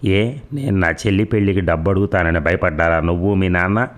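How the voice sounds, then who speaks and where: A man voicing an angry young husband who shouts accusations at his wife in an audio story. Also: deep voice, fairly quick, lightly acted. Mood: furious. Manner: furious, accusing.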